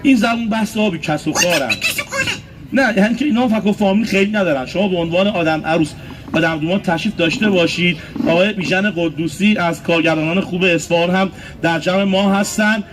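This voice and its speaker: A high-voiced man from Isfahan, Iran, performs a comic puppet show on an outdoor street, teasing his puppets and talking straight to the crowd. Loud music plays and there's background noise.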